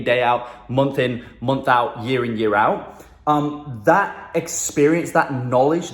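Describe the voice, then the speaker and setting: Man talking into a handheld phone. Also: medium pitch. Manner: loose and chatty, many fillers like "um", "and whatnot" and "right?". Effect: phone video recording. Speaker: marketing agency coach. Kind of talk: casual advice talk to camera. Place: room indoors in a new apartment. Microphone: handheld phone held at arm's length. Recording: echoey room on a phone mic.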